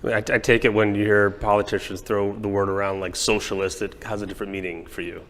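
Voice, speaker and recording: A man with a fairly low voice asks his questions in a chatty style, slipping in jokes and quick asides. His voice echoes with a long reverb from a large hall. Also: level tone, a bit bright. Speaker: interviewer. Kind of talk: conversational interview questions.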